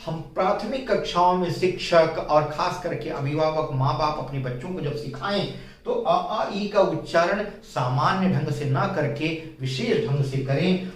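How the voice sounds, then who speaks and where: Echoey Hindi teacher explaining slowly. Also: male voice, a little high. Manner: slow, explanatory, repeats key points. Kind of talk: whiteboard grammar lesson. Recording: very echoey room, mic at a distance.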